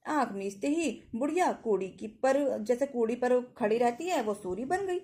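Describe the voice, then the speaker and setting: A woman's voice: fairly high pitch, lively intonation, normal speed, warm tone. A woman narrating a devotional folk tale in a sing-song storytelling manner with village-style speech.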